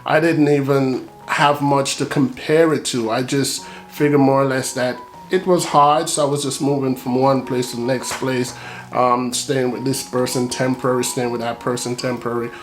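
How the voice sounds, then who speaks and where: A middle-aged man from Jamaica, an author, talking casually and reflectively with frequent pauses and ums. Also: medium pitch, little pitch movement. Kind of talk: casual talk to camera. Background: soft guitar music.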